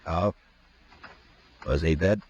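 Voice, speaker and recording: In 1950s radio drama, a grown man plays the lead lawman and narrator, a steady, level-headed frontier marshal. His deep male voice has a breathy edge, and the heavily acted delivery is calm, measured and deliberate, though wary. The old recording sounds muffled, with faint hiss.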